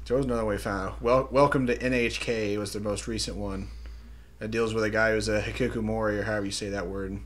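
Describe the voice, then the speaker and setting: A man's voice: on the low side, fast talker. Laid-back young man, rambling podcast co-host. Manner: rambling, chuckling, relaxed. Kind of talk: casual joking chat.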